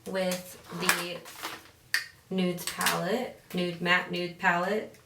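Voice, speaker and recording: Very slow and flat, with a lowish voice, a woman chats through a makeup tutorial, often wandering off her point and returning to it. The recording is very noisy, echoey and distant-miked.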